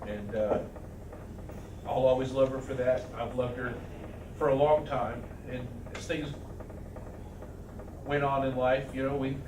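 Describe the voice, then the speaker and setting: A man speaking at a memorial, halting with many restarts and fillers. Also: mid-range voice, flat delivery. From Arizona. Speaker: eulogy speaker. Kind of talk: memorial speech. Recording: echoey hall from far off, noisy.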